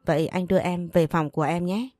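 A woman puts on an indulgent young husband who soothes and placates. The voice stays low and warm. Dry, close recording with faint music underneath. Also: steady tone, quick pace, no echo, natural voice. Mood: placating. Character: indulgent young husband doting on his sister.

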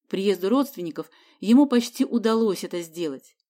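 A woman reading an audiobook in even, measured narration. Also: mid-range voice.

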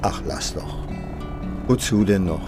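An actor in a German radio drama voices an elderly husband, speaking slowly in short, plain sentences with a deep voice. He sounds calm, resigned, gentle and tender, with music in the background.

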